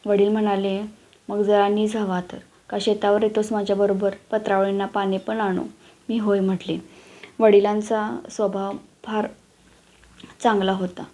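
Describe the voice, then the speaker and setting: A woman reading a story aloud, with steady, even delivery and small shifts for the characters' lines. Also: mid-range voice.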